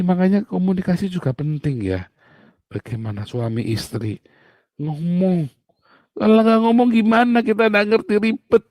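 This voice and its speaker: A middle-aged man preaching a sermon in a chatty, animated way with casual asides. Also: mid-range voice, no room sound.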